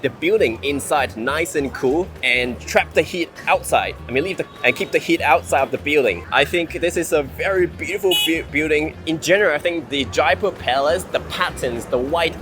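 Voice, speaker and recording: A man's voice: fairly high pitch, moderate pace, few pauses, over music. A young man from Hong Kong, narrating a walking travel vlog outdoors at a historic palace, enthusiastic and chatty as he explains the sights. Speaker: travel vlogger.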